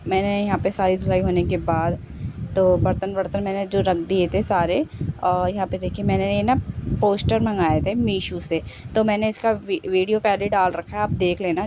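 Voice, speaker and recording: Chatty woman vlogger over background noise. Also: mid-range voice. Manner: chatty and homely, with many fillers and self-corrections. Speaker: home vlogger. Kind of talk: casual voice-over narration of a kitchen cleanup.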